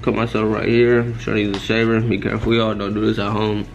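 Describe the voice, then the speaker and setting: A young man chatting casually on camera in a vlog, laid-back and full of slang like "yo", with a gravelly voice. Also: on the low side, monotone, quick pace, dull audio. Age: young adult. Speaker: friend in vlog. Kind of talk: casual chat. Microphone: handheld camera.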